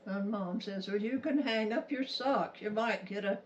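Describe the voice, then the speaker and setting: A woman in her nineties with a rural Utah American accent tells a childhood story as a grandmother, casually, in a folksy, halting, plain-spoken way. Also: medium pitch, highs cut off. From Utah, United States. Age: 90s. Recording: distant mic with faint background noise.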